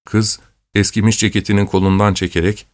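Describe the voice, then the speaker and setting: A man narrating a classic novel in a measured, literary, unhurried manner. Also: fairly low pitch, little pitch movement. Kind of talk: scripted audiobook narration.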